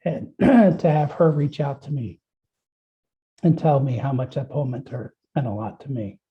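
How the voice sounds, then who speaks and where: A man's voice: medium pitch, moderate pace, breathy edge. A man answering interview questions about his poems, telling stories hesitantly with many ums and restarts. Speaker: interviewed poet. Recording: dull lo-fi audio.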